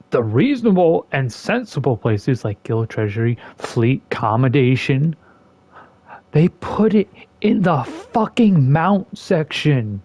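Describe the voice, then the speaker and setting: A man ranting sarcastically about a game while playing it, in an exasperated, casual commentary style. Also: no echo. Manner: exasperated and sarcastic, with lively swings in pitch and loudness. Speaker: gaming content creator.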